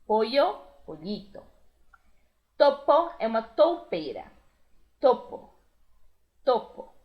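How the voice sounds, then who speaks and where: A woman with a Brazilian Portuguese accent teaching a recorded Spanish lesson, patiently repeating each word clearly. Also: fairly high pitch, big pitch swings, takes it slowly, muffled recording.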